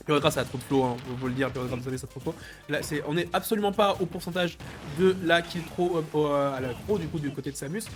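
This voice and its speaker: Man, esports colour commentator, slightly high voice, chatty analysis, faint music. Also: quick pace. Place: esports venue. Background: faint music behind the voice.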